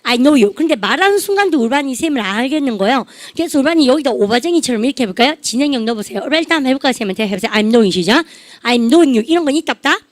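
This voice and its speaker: A woman teaching English grammar in a lively classroom lecture, often prompting the class to repeat phrases aloud. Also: high-pitched, very fast, dry recording. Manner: refers to herself as 쌤 (teacher). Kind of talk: classroom grammar lecture with call-and-response drills.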